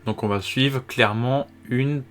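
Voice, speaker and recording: A young man talks through his anime picks in loose, slangy speech, full of filler words and the odd curse, dropping into a flatter reading voice for the plot summaries. His pitch sits in an ordinary middle range. Soft music plays quietly underneath. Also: a little slow. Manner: informal and slangy, many fillers, occasional swearing; reads synopses aloud in a flatter voice. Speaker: anime reviewer. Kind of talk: casual video commentary.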